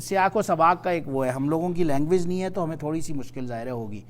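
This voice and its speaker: A man teaching a Quran study class, explaining patiently and reciting verses slowly. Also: on the high side.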